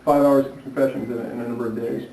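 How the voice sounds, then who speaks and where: A man's voice: medium pitch, level tone, racing, mellow. A man hosting a casual travel vlog, talking hesitantly with many fillers and restarts. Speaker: vlog host. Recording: echoey room, distant mic, faint noise.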